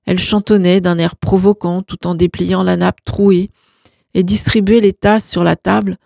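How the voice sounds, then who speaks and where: A woman narrating a novel aloud in a calm, even storyteller's way. Her voice sits low and mellow, close and dry with no room sound. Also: moderate pace, creaky, no room sound. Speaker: audiobook narrator.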